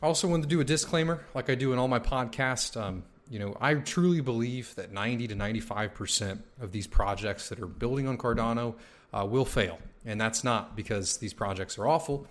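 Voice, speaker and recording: A man hosting a casual podcast interview, loose and relaxed, leaning on lots of "you know"s, talking around a sore tooth. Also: mid-range voice, brisk. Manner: relaxed, filler-heavy talk with many "you know"s. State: sore mouth from a tooth coming in. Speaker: podcast host.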